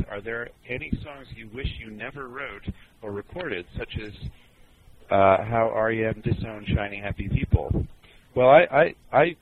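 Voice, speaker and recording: Dry-joking man on a tinny line. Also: lowish voice. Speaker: band member reading fan questions. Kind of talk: casual Q&A chat. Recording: tinny phone-like line with noise.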